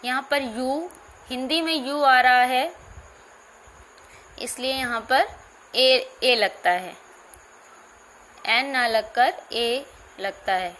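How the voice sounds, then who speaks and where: A woman teacher explains English grammar in a slow classroom manner, spelling out words and repeating them. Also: high-pitched, fairly bright tone, slight background noise. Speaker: school teacher.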